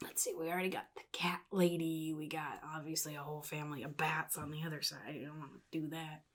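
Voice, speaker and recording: A woman acts out a chaotic comic-book supervillain in an ASMR roleplay. The voice is fairly low and husky, often sinking into a breathy whisper. The delivery is sly and theatrical, a gleeful villain drawling advice. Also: flat delivery, quick pace. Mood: advising, wry. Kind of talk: soft-spoken ASMR roleplay monologue.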